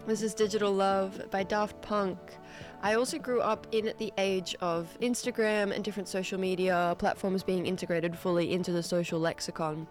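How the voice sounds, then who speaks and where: A twenty-something Australian woman from Newcastle hosts a radio show from a studio, talking casually and upbeat between tracks with lots of ums and asides. Her medium-pitched voice is steady and moves at a normal speed, picked up by a studio microphone with faint music in the background.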